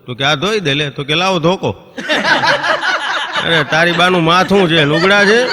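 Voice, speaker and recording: On stage for a folk comedy set, a man with a fairly high voice tells stories and quickly voices neighbours and children. The recording has heavy background noise and the long reverb of a stage hall.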